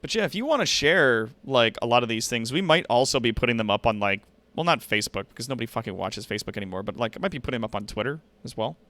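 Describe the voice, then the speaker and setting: This livestream host and content creator has a lowish, slightly bright voice. He talks casually and directly with his viewers, his stream chat full of slang and profanity.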